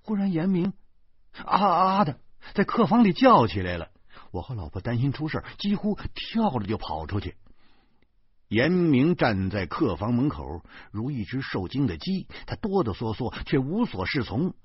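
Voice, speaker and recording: A man's voice: medium pitch, huge pitch swings, moderate pace, slightly rough, no room sound, dull audio. A man narrating a comic novel as an audiobook, with wry, exaggerated self-pity.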